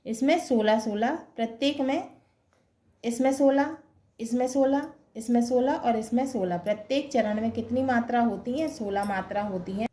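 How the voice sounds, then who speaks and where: A woman's voice: on the high side, dark tone, echoey room. A woman teaching a Hindi grammar lesson, asking questions, answering them herself and repeating key terms. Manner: slow and deliberate, spelling out sounds one by one. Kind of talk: classroom lesson explaining grammar.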